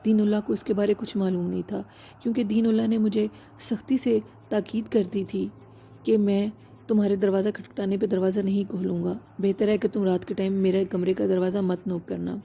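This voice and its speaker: Dark gravelly woman narrating horror. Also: mid-range voice, slight background noise. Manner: steady, unhurried reading with small slips. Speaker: storyteller. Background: faint background music.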